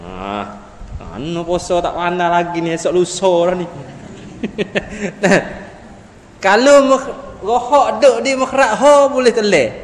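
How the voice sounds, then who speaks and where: A man with a Patani Malay accent teaches Quran recitation in an animated way, drilling sounds again and again. His voice sits high and carries a long reverb through a hall. Faint noise hums behind him. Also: slow pace. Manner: animated, repeats sounds for students, chuckles often. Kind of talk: classroom teaching. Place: classroom.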